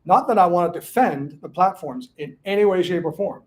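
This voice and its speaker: A man from Denmark, an author answering audience questions in casual academic talk, halting with many restarts and fillers. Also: sits high, a little mellow.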